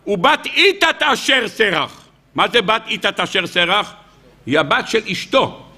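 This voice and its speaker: A rabbi holds forth before a live audience in a high, gravelly voice with a bright, sharp edge. He tells the story with humor, acts out each character, and keeps throwing questions at his listeners. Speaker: rabbi giving a weekly Torah lecture. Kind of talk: lively storytelling sermon. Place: lecture hall with a live audience.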